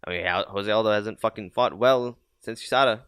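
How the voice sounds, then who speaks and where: A young man with a lowish voice rattles through casual sports chat at a rapid clip, blunt and full of curses. His voice sits close on a dry mic with no room sound. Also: fairly bright tone, clear, resonant tone, dry recording. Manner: profane, blunt, rambling. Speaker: podcast co-host.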